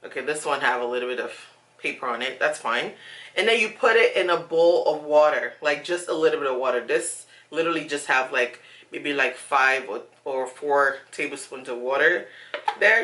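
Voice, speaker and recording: A young adult beauty vlogger gives a casual, chatty tutorial to camera from a small indoor room at home. Her low-pitched voice is expressive and a bit bright at a normal speed, and she speaks emphatically, often repeating words.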